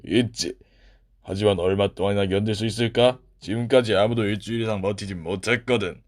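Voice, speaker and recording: A man voicing a huge, mean castle master in a children's storybook, speaking slowly, low and mocking. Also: steady tone, natural voice. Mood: gruff.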